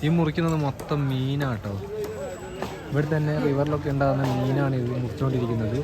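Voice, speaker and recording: A man's voice: medium pitch, steady tone, brisk, a loud crowd. A man travel vlogger casually narrating outdoors while walking through hills and a market, chatty and guiding viewers. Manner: chatty, guiding viewers, often tags sentences with "you know". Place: outdoors on a tea estate, hills and a village market.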